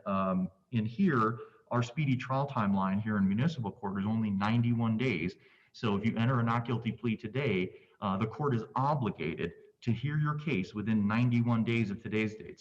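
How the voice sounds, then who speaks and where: A man presiding as judge over a virtual court hearing, speaking in a measured, polite, procedural way. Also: on the low side. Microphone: video call. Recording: muffled distant video call audio.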